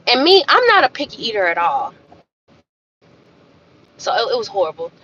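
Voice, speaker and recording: Telling a story on her livestream, a woman chats directly with viewers, calling them "y'all" in an animated, sassy, casual manner. Her medium-pitched voice has a breathy edge, moves at a moderate pace, and the highs are cut off.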